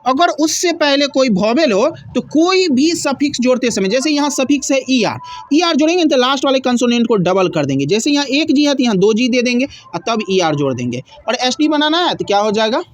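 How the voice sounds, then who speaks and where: Woman, high voice, grammar teacher, step-by-step explaining, answers her own questions. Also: big pitch swings, brisk. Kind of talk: grammar lesson.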